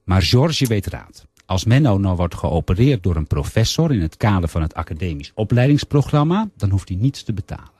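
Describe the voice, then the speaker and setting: A man reading aloud a first-person story in a measured, deliberate way, introducing the excerpt first. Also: low-pitched, big pitch swings, mellow, husky, no echo.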